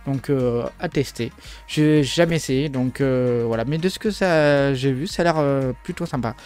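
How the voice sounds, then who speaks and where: A man's voice: mid-range voice, normal speed, a little mellow, clear, resonant tone, soft background music. A man whose first language is French, casually rambling through game overviews with jokes, many fillers and restarts. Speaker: gaming video host.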